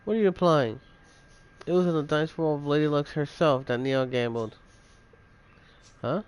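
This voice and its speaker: A man voicing a pompous, scheming master of a gambling town in a video game, haughty and halting. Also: fairly high pitch, clear, resonant tone, natural voice. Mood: indignant, defensive.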